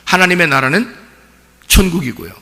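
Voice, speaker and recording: A male pastor gives a conversational sermon in a church sanctuary on a Sunday, often throwing rhetorical questions at the congregation. His voice is fairly high, swings widely in pitch, moves at a normal speed, and sounds bright and forceful. Long reverb from the church fills the recording.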